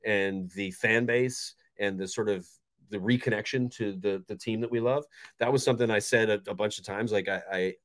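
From a bright bedroom comes a forties-aged man, host of a fan channel, chatting loosely and excitedly after a match with frequent restarts. His pitch is fairly low and his intonation fairly even, at an ordinary speed, with no room sound.

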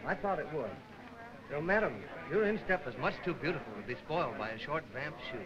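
An actor playing a smooth-talking, flattering shoe salesman in 1930s film style. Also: a little high, fast, muffled recording. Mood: attentive. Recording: 1930 film soundtrack with loud crowd.

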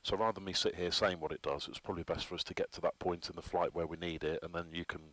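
A man's voice: deep voice, steady tone, quick pace, a bit bright, no echo. A man, instructing a trainee in a flight simulator cockpit, patiently explaining each step with frequent ums. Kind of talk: hands-on instruction.

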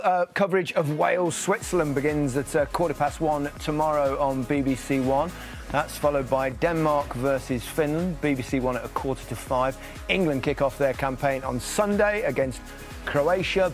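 An older man hosting a football studio show, chatty and relaxed, prompting guests with tag questions. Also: fairly high pitch. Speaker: host.

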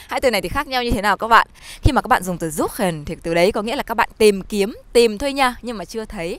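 A young woman from Vietnam teaching German in a casual vlog, chatting to viewers and slowing down to say each example sentence. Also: mid-range voice. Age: young adult. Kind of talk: casual language lesson vlog.

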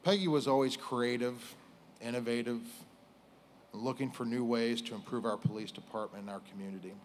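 An American man in his forties delivers a prepared funeral speech in a solemn, measured way, pausing between short phrases as a police chief at a lectern. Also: mid-range voice, fairly even intonation, a little hiss or hum. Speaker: police chief giving a eulogy. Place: indoors on a stage at a lectern. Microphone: lectern microphone.

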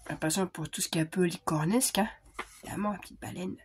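A woman's voice: lowish voice, rapid-fire, a little hiss or hum. Chatty woman unboxing craft supplies. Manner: chatty, thinks aloud with frequent hesitations. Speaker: scrapbooking vlogger. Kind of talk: casual unboxing chat.

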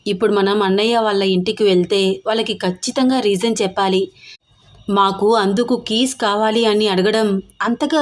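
A woman's voice: mid-range voice, close to an everyday voice. A woman voicing an anxious, clingy young woman in an audio story, speaking in a worried tone.

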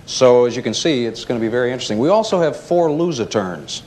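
A man hosting a 1970s TV game show in a studio, upbeat and brisk as he prompts the contestants. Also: mid-range voice, expressive, darkish tone. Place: TV studio set with a live audience. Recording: old TV tape with noisy studio audience.

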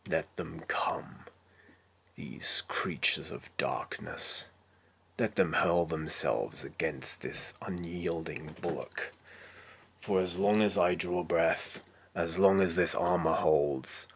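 Slow, solemn declamation comes from a man cast as a determined, war-weary knight in armor, delivering a dramatic film monologue with breathy endings to his lines. The voice sits low with a slightly bright quality, heavily acted, over a bit of background noise.

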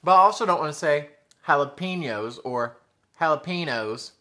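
Pitched on the high side and animated, a Southern mukbang vlogger in his thirties talks at normal speed with a bright, forward tone. He's chatty, addresses his audience as y'all, and chews between remarks during the casual eating show. A camera in front at table distance films him in a living room with a sofa and blinds.

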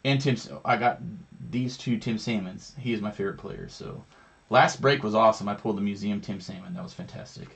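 A man's voice: on the low side, brisk, vocal fry. A man hosting a live card break, naming each card as he opens packs and chatting casually with viewers. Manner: names each card in a steady running commentary. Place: indoor studio with a branded backdrop.

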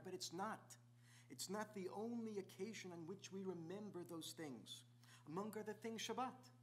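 Middle-aged rabbi preaching in a sanctuary. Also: male voice, sits high, slight background noise. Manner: rhetorical, piles up repeated questions. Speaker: visiting rabbi. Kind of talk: sermon. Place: large synagogue sanctuary.

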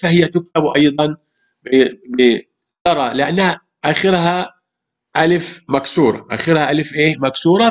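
Egyptian guy teaching little kids spelling rules, kinda high voice, patient, repeats stuff and asks questions. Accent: Egyptian Arabic. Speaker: primary school Arabic teacher. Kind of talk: classroom lesson explaining grammar.

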